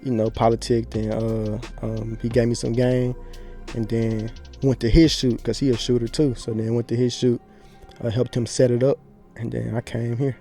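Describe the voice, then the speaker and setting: A man's voice: medium pitch, level tone, normal speed, warm tone, faint music behind. A man from Florida, a podcast guest telling stories in a laid-back, slangy, rambling way. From Pensacola, Florida. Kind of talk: casual podcast chat.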